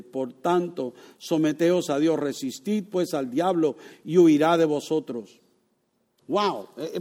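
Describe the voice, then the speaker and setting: High-voiced preacher man, soft to loud. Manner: dynamic preaching, swings from loud to hushed; asks the congregation questions, acts out voices. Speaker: pastor. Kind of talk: sermon.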